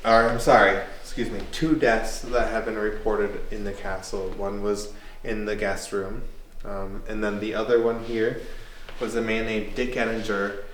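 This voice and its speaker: Male tour guide, informal and deliberate, explaining things in a large reverberant interior. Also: on the low side, flat delivery. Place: large indoor castle rooms. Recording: echoey room with faint noise.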